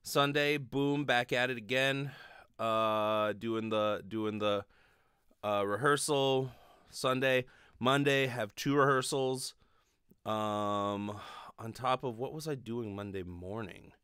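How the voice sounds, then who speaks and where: Mid-range in pitch and slow, his voice is fairly bright, clear and resonant, with no room sound. He's a man in his thirties, a podcast host, actor and acting teacher, giving a casual, sweary, rambling monologue full of hesitation and "like." He sits in a small indoor bedroom at a close studio microphone on a stand.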